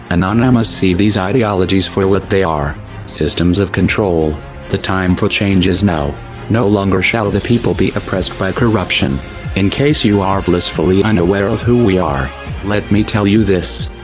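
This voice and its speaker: A man with a disguised, pitched-down deep voice delivering a solemn, declamatory scripted narration. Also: normal speed. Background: music.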